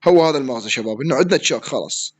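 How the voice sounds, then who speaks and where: A man with an Iraqi Arabic accent giving live gameplay commentary, excitable, yelling at opponents and swearing as he plays. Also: mid-range voice, fast, husky. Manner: excitable, yells at opponents and swears mid-play. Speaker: gaming streamer.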